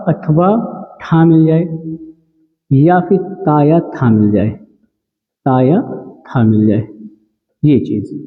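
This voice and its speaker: Man teaching grammar over tinny, echoing sound. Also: a little high. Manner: repeats each rule and quizzes the listener with questions; drawn-out, spelled-out syllables on the examples. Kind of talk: exam-prep grammar lesson. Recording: tinny, lo-fi sound with a long echo.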